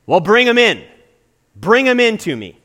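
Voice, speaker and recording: Man voicing an old prophet, insistent, repeated questions, high lively voice. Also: normal speed, exaggerated voice. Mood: questioning.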